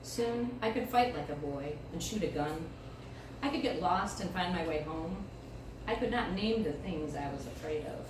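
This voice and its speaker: A middle-aged American woman, the featured poet at a live reading, speaks at a moderate pace with expressive phrasing and a slightly low pitch, mixing in casual introductions. She's in an indoor event space with the mic far from her, so the recording sounds distant and very echoey, with clear noise.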